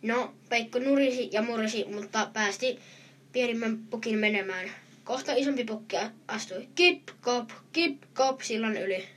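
A woman's voice: a little high, steady tone, distant mic. A woman reading a fairy tale aloud in a plain storyteller's way, with small restarts.

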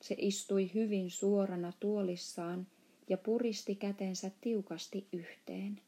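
Warm-voiced woman reading a storybook. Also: medium pitch, steady tone, breathy edge. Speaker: narrator.

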